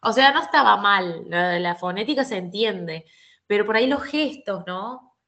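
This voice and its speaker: A young adult woman from Argentina with an Argentine Spanish accent, a singer telling her story in a casual interview, animated and full of fillers and restarts. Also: medium pitch, normal speed. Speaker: guest singer.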